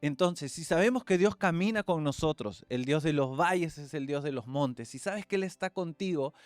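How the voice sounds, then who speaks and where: A man's voice: smooth, no echo. A man, preaching a sermon and telling stories, acting out the voices in them. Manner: storytelling, acts out quoted voices with big pitch swings.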